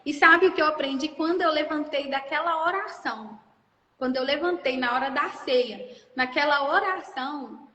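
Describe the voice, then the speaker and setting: A woman's voice: high-pitched, moderate pace, bright, forceful tone, echoey room, long reverb tail, highs cut off. A Brazilian woman giving an earnest, heartfelt personal testimony at church, tearful at times. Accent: Brazilian Portuguese. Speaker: guest sharing testimony.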